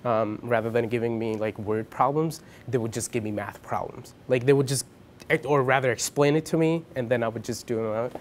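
In a lamp-lit, dim room, a Punjabi-speaking college student from India is being interviewed, replying casually with frequent ums and false starts. He's a young adult with a mid-range, brisk voice, and there's slight background noise.

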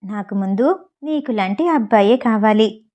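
A woman reading the lines of a playful, loving young wife and mother, softly and gently. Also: medium pitch, expressive, unhurried, lightly acted.

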